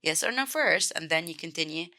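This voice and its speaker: A woman from Egypt with an Egyptian accent, teaching a beginner language lesson and clearly repeating each word several times. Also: sits low, animated, fairly quick, pushed and bright. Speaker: Arabic teacher.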